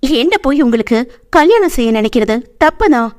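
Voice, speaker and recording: A woman's voice: high voice, very animated, normal speed, darkish tone, pitched above the performer's own voice. A woman voicing an innocent, childlike young woman who chatters naively in a storybook reading. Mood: sulking.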